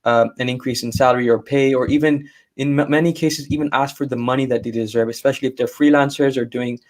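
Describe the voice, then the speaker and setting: A man's voice: mid-range voice, fairly even intonation, fast. A man hosting a podcast, affirming his guest and talking through repeated restarts. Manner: affirming, rambling restarts, fillers like "like" and "you know". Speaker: podcast host. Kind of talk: conversational interview.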